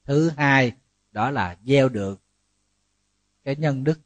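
A man, a Buddhist monk giving a lively, humorous sermon full of rhetorical questions. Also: medium pitch, slow, no echo.

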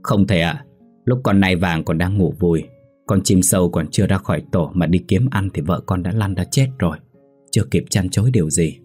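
A man voicing a grieving, exhausted village widower with a hoarse voice, sobbing and lamenting. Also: deep voice, brisk, darkish tone, faint music behind. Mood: grief-stricken.

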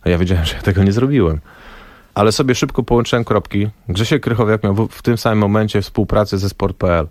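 Man, low register, radio guest telling anecdotes, dry studio sound. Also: fast, dry recording. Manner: lively anecdotal storyteller, acts out quoted dialogue. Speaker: former national team press officer. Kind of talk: radio interview storytelling. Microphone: studio microphone.

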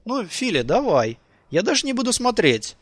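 A man's voice: sits high, very animated, normal speed, no echo, pitched above the performer's own voice. A man voicing a grown woman who coaxes and teases a shy young man in an audiobook. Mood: coaxing. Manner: coaxing, smooth. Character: alluring grown woman, coaxing and playful.

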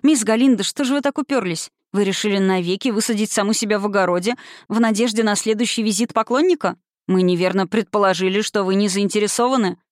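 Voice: mid-range voice, quick pace, no room sound, studio quality, natural voice. A reader doing a sardonic young woman. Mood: ironic. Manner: ironic, lecturing. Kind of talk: audiobook reading.

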